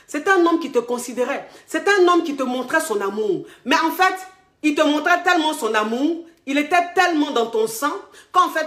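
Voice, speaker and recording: In a direct-to-camera monologue, a woman with an Ivorian accent coaches viewers on relationships, addressing them as darlings and repeating herself emphatically despite a cold and sore throat. Her voice is high-pitched and a bit bright in a roomy space.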